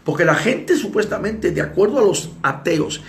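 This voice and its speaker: A male evangelist preaching a sermon, telling stories dramatically and acting out the people in them, sometimes with shouts. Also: sits high, expressive, moderate pace, a little hiss or hum. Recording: echoey room.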